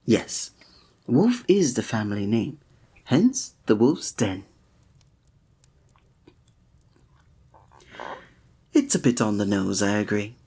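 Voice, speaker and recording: A guy gives a heavily acted take on a gentle, flirty village innkeeper in a scripted audio roleplay, speaking to the listener at a measured pace. His breathy voice is very expressive in pitch, warm and curious, with formal olde-worlde diction that's attentive, courteous and tender.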